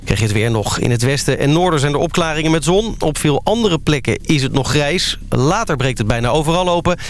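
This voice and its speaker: A man's voice: on the high side, animated, brisk. A man with a Netherlands Dutch accent reading a scripted radio news bulletin. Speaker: radio newsreader.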